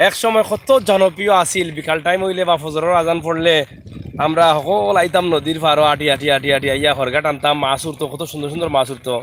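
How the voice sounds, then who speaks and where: A man's voice: fairly high pitch, fast, a little hiss or hum. A man with a Sylheti accent chatting live to viewers from a riverside village, greeting them by name. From Bangladesh. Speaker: vlogger. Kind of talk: live video chat while filming outdoors.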